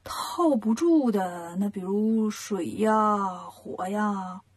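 A woman's voice: on the high side, quick pace, slightly rough. A woman doing an earnest heavenly king.

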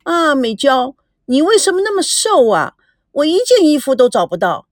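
Woman voicing an earnest, chubby schoolgirl; high and eager. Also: sing-song, normal speed, dry recording, studio quality. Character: chubby eager teenage girl.

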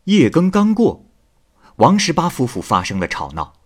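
A male storyteller narrating a classic tale with dramatic, expressive delivery. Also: normal speed. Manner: highly expressive, dramatic rise and fall.

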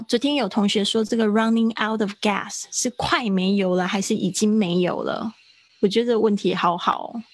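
In a chatty livestreamed English lesson, a woman in her thirties explains things step by step and slows down to sound out words. Her voice sits in the mid range, and there's no echo.

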